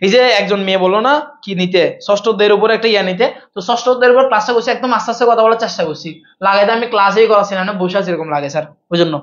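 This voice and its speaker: A young man from Chittagong with a Chittagonian accent, teaching accounting in a loud, playful way and answering chat questions during a live online class. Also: high voice, rapid-fire, echoey room, highs cut off. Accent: Chittagonian Bengali. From Chittagong, Bangladesh.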